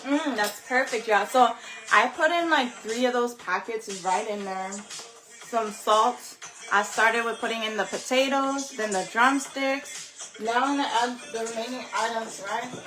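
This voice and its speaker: A young woman talks her viewers through a home-cooked meal in her own kitchen, chatty and loose and quick to laugh at herself. Her voice sits a little on the high side. Faint music plays underneath. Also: reverberant. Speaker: home cook vlogger. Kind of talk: casual cooking vlog.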